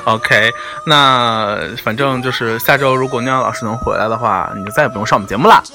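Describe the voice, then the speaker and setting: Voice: medium pitch, brisk. A playful, teasing host chatting casually and comically, given to exclamations. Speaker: talk show host. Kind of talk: casual comedic chat.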